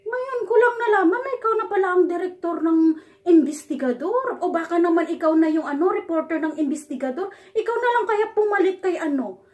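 A woman's voice: very high voice, lively intonation, a little fast. A woman from the Philippines vlogging a reaction, scolding and mocking with sarcasm, often stumbling and repeating words. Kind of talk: ranting reaction vlog.

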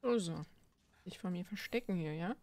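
A woman's voice: fairly low pitch, normal speed, darkish tone, a little hiss or hum. A young woman commenting playfully while playing a video game, reading game text aloud. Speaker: gaming streamer. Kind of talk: let's play commentary.

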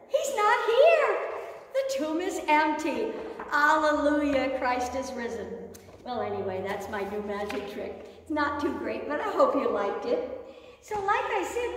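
A woman giving a lively chapel message to students and telling the story with acted voices. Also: on the high side, slight background noise. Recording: echoey hall, mic far off.

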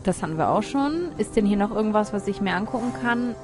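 A woman's voice: mid-range voice, expressive, fast talker, music in the background. A woman giving casual gameplay commentary as a let's player, reading game text aloud with chatty, muttered asides.

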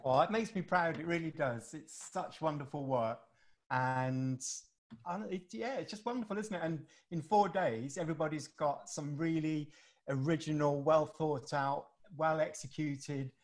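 A man's voice: a little high, a little slow. A man mentor giving heartfelt, glowing feedback on a video call. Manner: warm, heartfelt praise.

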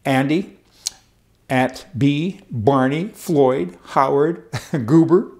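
An older man on a political commentary show talks to camera from a wood-backed studio, reading from papers with a chatty, sarcastic edge. He speaks extremely slowly in a somewhat mellow voice that runs high.

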